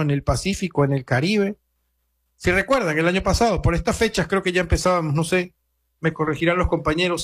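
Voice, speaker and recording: A man hosting an early-morning radio news show, commenting conversationally with wry asides. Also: a little high. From Venezuela. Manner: conversational, reads quotes aloud, adds wry asides.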